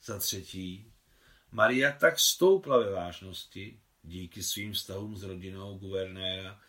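A man calmly narrating a novel in a measured audiobook reading, as the translator of the text. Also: low-pitched.

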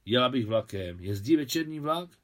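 A man reading an audiobook, voicing a spirited woman driver who talks briskly and with emphasis, raising his voice a little for her. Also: mid-range voice, animated, natural voice. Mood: lively.

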